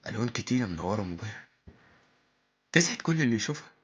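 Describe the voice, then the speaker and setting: An actor playing a melancholy toy in a plaintive, hammy theatrical stage monologue, with an Egyptian accent. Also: male voice, lowish voice, very animated, rapid-fire, fairly bright tone, slightly rough, exaggerated voice. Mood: plaintive despair. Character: melancholy male toy lamenting its lifeless painted existence.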